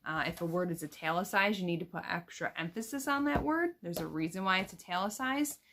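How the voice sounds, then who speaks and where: A woman's voice: on the low side, lively intonation, a little fast, background noise. A young woman teacher explaining how to read picture books to children, then reading one aloud with expression.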